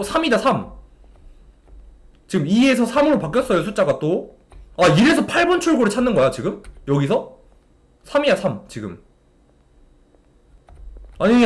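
Young man, game streamer; high, animated delivery, exasperated commentary to chat. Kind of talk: live gameplay commentary to chat.

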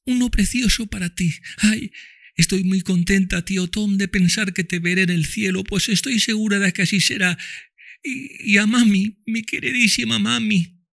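A man voicing a frail, devout little girl who speaks softly and tenderly. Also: normal speed, gravelly. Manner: soft, tender high voice.

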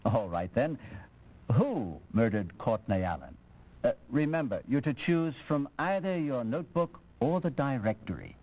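An actor playing a hearty, formal court judge who praises and quizzes the player. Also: male voice, mid-range voice, big pitch swings, measured pace, darkish tone, rough recording. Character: jovial English court judge. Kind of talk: video game voice acting.

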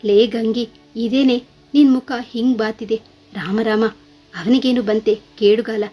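A woman voicing a stern, sharp-tongued elderly woman employer who scolds and curses bluntly. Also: a little high, steady tone, a little slow, faint music behind. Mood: scolding.

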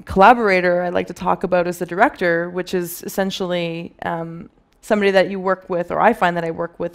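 Lowish-voiced woman presenting on stage. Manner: thoughtful, many fillers and restarts, talks with her hands. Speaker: film colourist. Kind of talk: conference presentation. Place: dim stage with dark backdrop.

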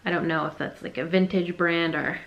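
A woman's voice: lowish voice, steady tone, fairly quick, dull audio. A young woman chatting casually through a resale haul vlog, rambling and self-deprecating. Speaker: reseller vlogger.

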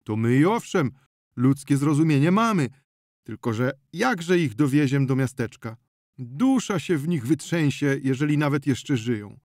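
A man voicing an anxious male village peasant who loudly and urgently retells an accident in an audiobook. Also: mid-range voice, big pitch swings, normal speed, no room sound, clean studio sound, voice pushed up, lightly acted. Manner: loud, urgent, breathless retelling.

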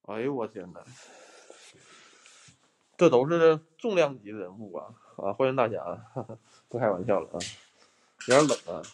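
A man's voice: mid-range voice, expressive, moderate pace, long pauses, darkish tone, slightly rough. A young man, livestreaming a ghost hunt indoors in an abandoned house. He chats and jokes with his viewers and flares up in mock anger, speaking into a handheld phone. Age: young adult. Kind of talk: casual livestream chat.

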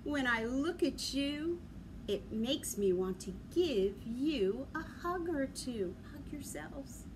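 A middle-aged woman runs a children's story time in a library room with large windows, leading rhymes and action songs and giving young kids simple, encouraging instructions. Her voice sits high and is animated, and she takes things slowly. A camera a few feet away picks her up along with clearly noisy room ambience.

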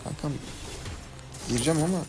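A young man, casually commenting his own ranked game, excitable and chatty with teammates and viewers. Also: a little high, fairly quick. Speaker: gaming YouTuber. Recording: game music behind the voice.

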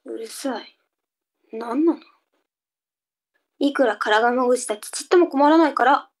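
A woman's voice: high-pitched, normal speed. A woman voicing a cheeky, sulky younger sister in a comic tongue-twister reading drama, with a cute anime-girl delivery.

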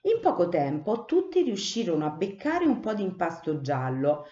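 A woman teacher reading a children's book aloud, with slow, expressive storytelling. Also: fairly low pitch. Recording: echoey room, dull muffled sound.

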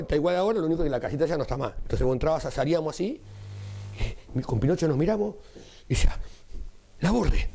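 A man with a Rioplatense Spanish accent, a carnival performer telling an anecdote as an interview guest and acting out each line of dialogue in changing voices. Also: a little high. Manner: lively storyteller, acts out dialogue in shifting voices.

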